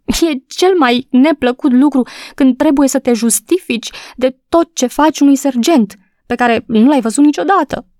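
A woman's voice: a little mellow, no room sound, close to an everyday voice. A woman reading a storybook voices an agitated housewife close to tears, talking breathlessly. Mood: tearful. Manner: breathless, high-strung, tearful.

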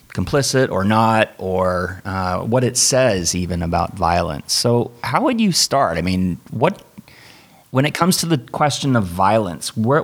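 A man who is a pastor and theologian, hosting a relaxed conversation in a measured, thoughtful way with frequent restarts. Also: fairly low pitch. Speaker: pastor and theologian, podcast host. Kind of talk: casual conversational podcast.

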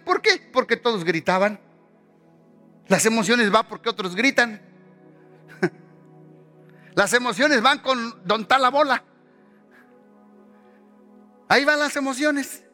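High, bright-voiced pastor preaching. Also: male voice. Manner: passionate preaching, repeating phrases, rising pitch on quoted voices. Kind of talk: sermon.

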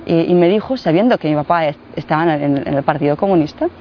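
A woman in her forties from Bosnia and Herzegovina, speaking a second language, talks in a fairly low voice, slowly and with many hesitations. The recording is dull and muffled, with a faint noise underneath. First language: Croatian. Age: 40s. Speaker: guest, translator and guide. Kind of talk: interview.

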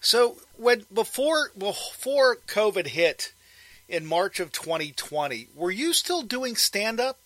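A friendly man in his fifties from the Pittsburgh area hosts a relaxed interview, chatting freely and laughing easily. His voice sits notably high for a man. The sound is dry and close. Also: slow, no room sound, poor audio. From Pittsburgh area, USA. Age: 50s. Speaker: interviewer host. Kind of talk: casual phone interview.

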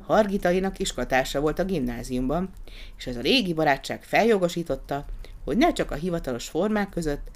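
Audiobook narrator, measured, steady storytelling, mid pitch.

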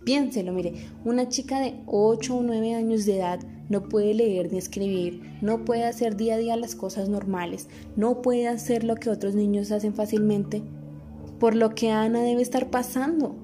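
A woman playing a caring teacher in a dubbed film, explaining slowly and earnestly over background music. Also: fairly high pitch, fairly even intonation, warm tone, close to an everyday voice. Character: patient caring female teacher, adult.

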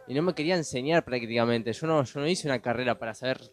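A man's voice: mid-range voice, fast talker, faint music behind. A man telling a story on a podcast in a rambling way, full of restarts and "viste". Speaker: podcast co-host. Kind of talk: casual storytelling.

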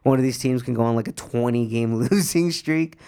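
A man's voice: medium pitch, brisk, dark tone, clear, resonant tone. A young American man chatting casually about sports as a podcast co-host, in a slangy, laid-back frat-bro manner.

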